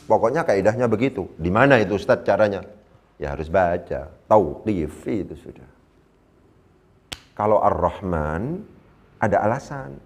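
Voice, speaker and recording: A man teaching Quran Arabic grammar in a lecture, animated, asking his listeners rhetorical questions and reciting verses slowly. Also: fairly low pitch.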